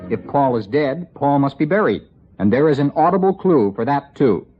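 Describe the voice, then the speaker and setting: A man's voice: medium pitch, expressive, normal speed, soft background music. A man narrating a scripted radio report with wry, dry asides. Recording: lo-fi 1960s radio broadcast.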